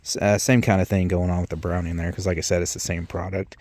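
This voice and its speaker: Speaking fast in a low, darkish voice with a level tone, a man hosts an ammunition test video. He explains the products casually and informally, rambling as he gives his test commentary.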